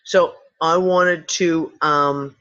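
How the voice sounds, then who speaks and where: A host chatting casually on a livestream, rambling and swearing as she tells animated stories. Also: low voice, drawn-out words, highs cut off. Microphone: computer mic on a video call.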